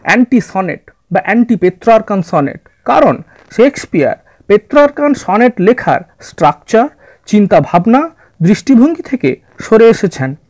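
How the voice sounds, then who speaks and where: A man narrating a scripted literature lesson in a measured, orderly way, addressing his students. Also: high voice, sing-song, darkish tone, no echo. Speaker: literature teacher. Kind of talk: scripted explanatory lecture narration.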